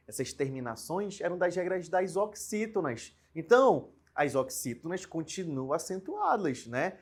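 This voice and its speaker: A young man with a fairly high voice teaches a recorded grammar lesson. He explains with lively, varied emphasis and keeps asking the viewer questions, often tagging lines with a quick "né?". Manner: lively, explanatory, with frequent rhetorical questions and tag "né?".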